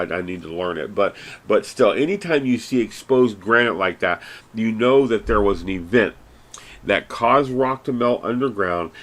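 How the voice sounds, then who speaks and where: A man with a fairly low voice gives a recorded geology lecture in a loose, chatty way. He fills his talk with ums, restarts and wry asides about himself. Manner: casual, rambling, many fillers and restarts; self-deprecating, chatty asides. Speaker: geology instructor.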